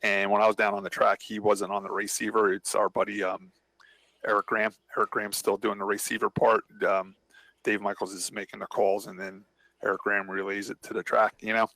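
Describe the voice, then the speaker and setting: A low, gravelly male voice in loose conversational chat. He rambles and gets animated as he tells a story. The sound is close and dry, with no room around it. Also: fairly quick, no room sound, low-quality recording. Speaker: podcast co-host and racer. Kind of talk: casual chat.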